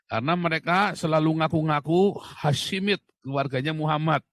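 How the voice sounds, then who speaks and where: A man's voice: fairly high pitch, fairly even intonation, normal speed, fairly bright tone, no room sound. A man from Indonesia in a casual monologue, chatty and rhetorical, laughing at his own jokes. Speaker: host.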